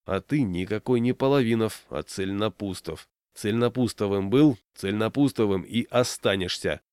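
A man's voice: fairly low pitch, moderate pace, a little mellow, clear, resonant tone, dry recording, studio quality, lightly acted. A man voicing a timid, hapless man who speaks bitterly and in despair.

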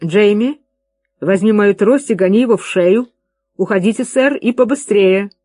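A reader voicing a gruff, commanding middle-aged father who gives orders. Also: medium pitch, moderate pace, warm tone, natural voice. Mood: bossy. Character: stubborn excitable father, middle-aged man.

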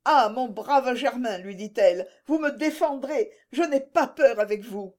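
A woman's voice: a little high, lively intonation, moderate pace, mellow, voice pushed up, close to an everyday voice. A woman doing a proud young shepherdess. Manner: proud, earnest.

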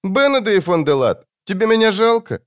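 Eerie smoke demon with a childlike high voice, quiet and calm. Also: male voice, normal speed, smooth. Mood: sad.

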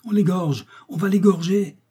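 A man's voice: a little high, moderate pace, warm tone, slightly rough, voice pushed up. A man doing an urgent impatient hunter. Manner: urgent, eager. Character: bold impatient Scottish hunter, adult man.

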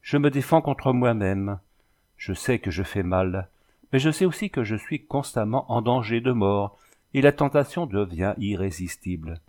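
A man voicing a pale, haunted young woman vampire in a storybook reading, hushed and plaintive. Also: fairly low pitch, lively intonation, normal speed, close to an everyday voice. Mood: pleading.

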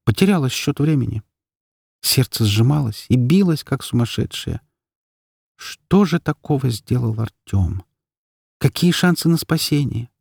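A man narrating a novel in the first person in a steady, measured reading voice. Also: mid-range voice, creaky, slightly rough, dry recording, clean studio sound. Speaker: audiobook reader.

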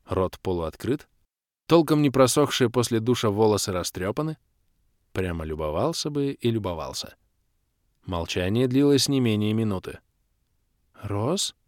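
A man narrates a first-person audiobook in a fairly low voice, wry and lively, slipping in dry jokes. The recording is close and completely dry, with no room echo. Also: moderate pace.

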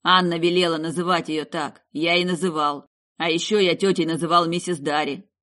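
Audiobook figure: grown son, young man, grumbling then gentle, read by a woman. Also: fairly low pitch, steady tone, normal speed, close to an everyday voice. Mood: protesting.

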